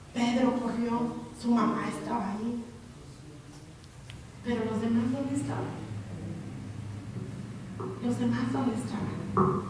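High-voiced woman preaching in an echoey hall. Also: a little hiss or hum. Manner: dramatic preaching, swinging from hushed to fervent and loud. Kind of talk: sermon. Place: church hall. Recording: very echoey church hall, mic far off.

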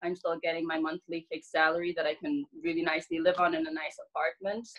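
A woman from Switzerland speaks in a relaxed, friendly way. The webcam audio is dull and lo-fi. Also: low-pitched, quick pace. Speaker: assistant director.

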